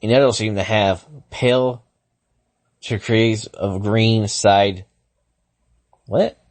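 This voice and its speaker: A man's voice: fairly low pitch, fairly even intonation, slow pace, no room sound. A man reading fan fiction aloud, stumbling over words, correcting himself and stopping to react to the text. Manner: stumbling, frequent self-corrections and restarts. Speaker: fanfiction reader.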